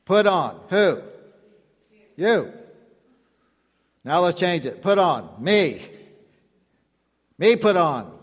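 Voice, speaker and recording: Male preacher, higher-pitched voice, emphatic repetitive delivery with call-and-response, long hall echo. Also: big pitch swings, very slow, pauses often, breathy edge. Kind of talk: sermon.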